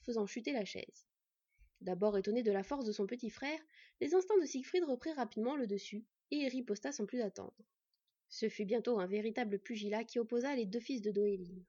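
Husky woman narrating a fantasy story. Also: a little high, no echo. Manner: steady storytelling read. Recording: dull lo-fi, dry.

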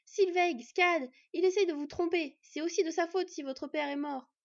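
A woman's voice: a little high, fairly even intonation, moderate pace, gravelly, warm tone, dry recording, lo-fi sound. A woman playing a heated teenage boy hero. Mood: angry. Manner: heated, pleading.

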